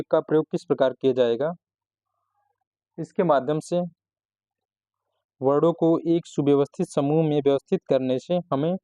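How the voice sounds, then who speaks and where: A man's lesson voice, somewhat high-pitched yet mellow in tone, explaining grammar step by step. He is recorded dry and close, with a slightly dull, lo-fi sound. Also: no room sound. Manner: slow, methodical explaining with frequent restarts. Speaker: grammar teacher.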